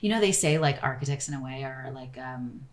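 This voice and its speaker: Low-voiced chatty woman architect. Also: fairly quick. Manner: chatty, rambling, full of "like" and "you know". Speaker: architect guest. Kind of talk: casual interview chat.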